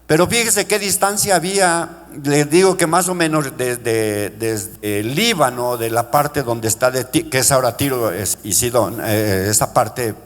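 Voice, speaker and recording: A middle-aged male pastor preaches passionately in a church sanctuary with long hall reverb, speaking unhurriedly with hardly any pauses. He calls out to the congregation as brothers, his pitch climbing into shouts when he quotes cries for mercy.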